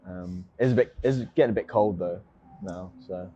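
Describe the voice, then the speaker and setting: Joking young Englishman with a low voice. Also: moderate pace, mellow, dull audio. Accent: English, from near London. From England. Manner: joking and self-mocking, many fillers and restarts. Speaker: guest, rugby player. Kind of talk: casual chat.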